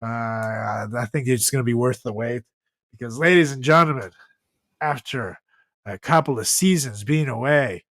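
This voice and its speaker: A man with a mid-range, fairly bright voice and moderate pace hosts a comedy podcast, with dry, clean studio sound. In casual banter he swears freely and rambles through his stories jokingly, a profane, joking storyteller.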